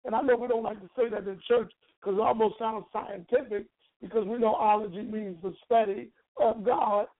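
A preacher with a hoarse, frog-like croaky voice, teaching a sermon in emphatic, deliberate short phrases with rhetorical repetition. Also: medium pitch, fairly even intonation. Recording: narrow, phone-like sound.

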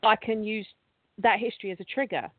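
A woman's voice: medium pitch, brisk, no echo. A chatty woman tells a ghost-hunting story in loose, rambling sentences, often restarting mid-phrase. Her voice comes through a dry, tinny, phone-like call line with no room sound at all. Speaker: guest, paranormal investigator and podcast host. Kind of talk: casual conversational storytelling.

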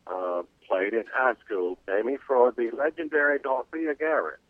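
A man's voice: mid-range voice, normal speed, no room sound. A male caller telling a rambling story, with many restarts, over a buzzy, glitchy cell call that keeps cutting out. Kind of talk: casual phone-in storytelling. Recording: tinny dry phone line.

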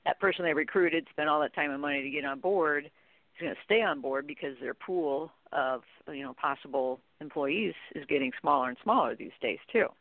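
Speaking informally and with strong emphasis, a woman joins a conversational interview as a guest expert in contact center training. Her low-pitched voice moves at normal speed with no echo, carried over a narrow, tinny phone-style line.

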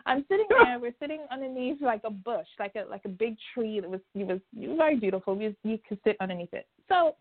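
A woman tells a personal story with animated energy, acting out what people said. Her voice is fairly high. The sound is thin and tinny, like a phone line. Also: quick pace, few pauses, a little hiss or hum. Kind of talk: casual chat.

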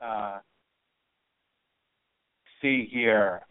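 A man's voice: on the low side, steady tone, drawn-out words, clear, resonant tone, dry recording. Man with a tinny, phone-like sound. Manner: opinionated, rhetorical questions. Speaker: talk radio host. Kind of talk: political talk radio commentary.

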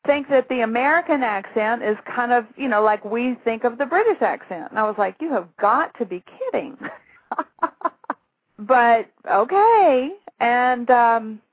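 Her voice sits on the high side, animated, a little slow and breathy, as this middle-aged author from Shreveport, Louisiana, shares career stories in a Southern accent. It's a phone interview with a tinny line and no room sound, and she rambles and pokes fun at herself.

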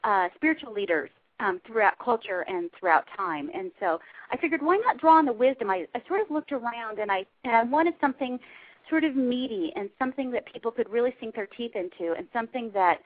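A woman's voice: fairly high pitch, lively intonation, a little fast, no room sound. A woman from Southern California in her forties, a guest life coach chatting on a radio interview. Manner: chatty, laughing, explaining. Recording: phone line.

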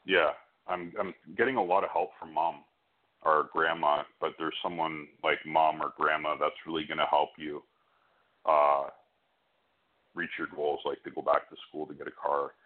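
A man's voice: a bass voice, level tone, moderate pace. A man giving a psychic hotline reading as a medium, speaking reassuringly and often checking that what he says resonates. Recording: muffled, band-limited call audio.

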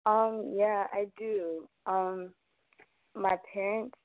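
A woman's voice: medium pitch, flat delivery, drawn-out words, no room sound. A young woman with a Zambian-American accent answers interview questions conversationally, in a reflective, slightly hesitant way over a phone line. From United States, born to Zambian parents. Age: young adult. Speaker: roundtable guest. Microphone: phone call.

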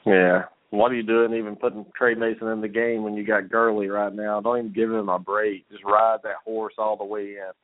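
Low-voiced fired-up sports talk host. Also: male voice, flat delivery, a little fast, few pauses, dry recording. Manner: fired-up, rambling, jumps between games. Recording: tinny phone-like line, dry.

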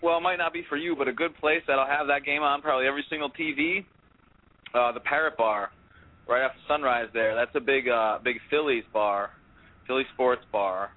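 A man's voice: mid-range voice, fairly even intonation, brisk. A man's voice comes through a thin, tinny phone line. He rambles along in a friendly, casual way as a caller to a radio show. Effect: over the phone. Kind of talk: casual call-in chat.

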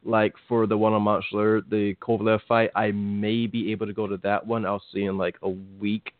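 Low-voiced man on a tinny line. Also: flat delivery, moderate pace, no room sound. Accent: General American. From Virginia. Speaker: podcast co-host. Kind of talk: casual boxing podcast chat. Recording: tinny phone-like line, dry.

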